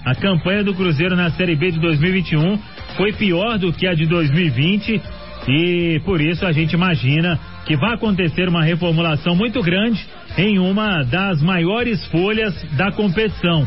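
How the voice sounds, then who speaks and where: A Brazilian man giving a steady, informative football report on the radio. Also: high-pitched, moderate pace. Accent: Brazilian Portuguese. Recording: dull radio broadcast with faint music.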